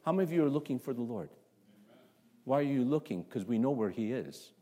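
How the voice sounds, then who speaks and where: A man from Canada preaching a sermon to a congregation in a church, opening with a quiet prayer, then asking the listeners one rhetorical question after another in an animated way. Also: medium pitch, fairly quick. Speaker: pastor.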